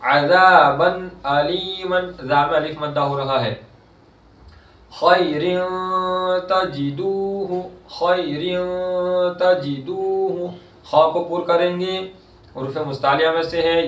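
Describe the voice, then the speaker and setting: A male Quran reading teacher, explaining the rules and reciting each word slowly and drawn out. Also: on the high side. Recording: roomy echo, mic at a distance.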